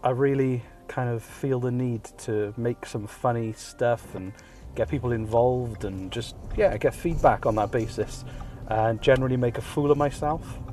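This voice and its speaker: A man's voice: medium pitch, normal speed, a little mellow, soft background music. A Welsh man in his thirties hosts a casual, jokey podcast with many ums, recorded on a hands-free kit while he drives his car. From Wales. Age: 30s. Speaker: podcast host. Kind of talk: casual self-deprecating monologue. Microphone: phone hands-free kit.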